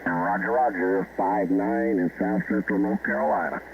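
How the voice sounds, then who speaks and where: A man's voice: sits low, normal speed, far from the mic. A man on a ham radio call, giving his call sign and signal report in clipped phonetic-alphabet bursts. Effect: ham radio call heard over a shortwave receiver. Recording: noisy, muffled shortwave radio signal.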